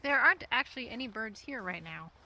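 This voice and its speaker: A woman's voice: fairly high pitch, lively intonation, fast, heavy background noise. A woman vlogging casually outdoors in the woods, coaxing wild birds and talking to them. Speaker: nature vlogger. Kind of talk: casual outdoor vlog narration.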